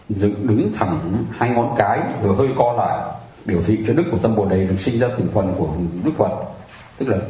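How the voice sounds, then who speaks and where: Man, Buddhist teacher, patient and chatty explainer, low relaxed voice, roomy echo. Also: a little hiss or hum. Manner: patient, explanatory, keeps asking listeners to agree. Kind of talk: conversational teaching on mudras and mantras.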